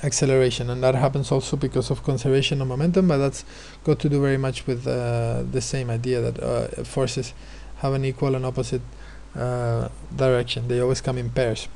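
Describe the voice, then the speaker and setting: A man's voice: mid-range voice, level tone, brisk, creaky, hardly any pauses, a little mellow, a little hiss or hum. A male teacher explaining physics exam questions, hesitant, with many fillers and restarts. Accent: non-American, his remark says so.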